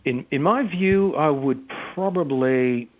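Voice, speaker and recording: A man working as a UFO field investigator, recounting a case in an interview, halting with many fillers and restarts, and losing his voice. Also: on the high side. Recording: tinny phone-line call-in.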